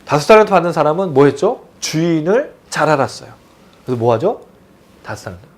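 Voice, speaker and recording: A man preaching a sermon as a pastor, animated and throwing rhetorical questions at the audience. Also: fairly high pitch, fast talker.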